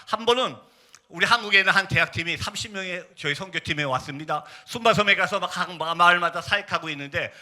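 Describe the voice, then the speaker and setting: A man's voice: fairly high pitch, sharp tone. A male missionary preaching a fervent sermon, telling a story and urging the congregation to pray.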